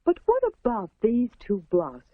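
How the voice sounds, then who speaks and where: A woman's voice: fairly high pitch, huge pitch swings, unhurried, no room sound, phone-quality sound. An American woman reading a scripted 1950s instructional film narration in a prim, instructive, carefully enunciated way, on a vintage soundtrack.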